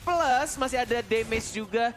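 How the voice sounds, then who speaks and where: A man with an Indonesian accent calling play-by-play as an excited esports caster. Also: extremely high pitch, normal speed. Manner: breathless calls that build to shouting. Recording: loud music bed under voice. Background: music.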